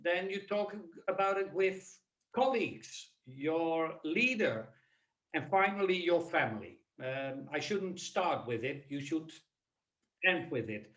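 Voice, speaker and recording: A Dutch-accented man speaks slowly and earnestly over a video call, his voice set a little high. He sits away from the mic, and the room gives the sound a hollow echo. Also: expressive, a bit bright. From Netherlands. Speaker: webinar presenter. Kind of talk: casual webinar talk. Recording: echoey, distant from the mic.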